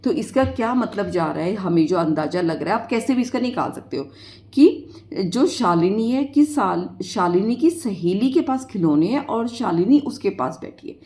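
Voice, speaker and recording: A woman's voice: medium pitch, lively intonation, moderate pace, warm tone. A woman math teacher, explaining a lesson step by step and asking her students questions.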